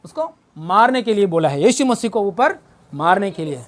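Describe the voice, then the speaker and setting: A pastor preaching a Good Friday sermon, questioning the congregation and repeating phrases for emphasis. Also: male voice, high-pitched, sing-song, moderate pace. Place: church service.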